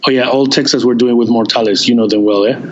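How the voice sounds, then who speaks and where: A man guesting on an interview as a touring band member, telling stories in a halting way with many restarts and searches for words. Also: medium pitch, fairly even intonation, muffled recording, over a noisy crowd. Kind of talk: casual interview chat.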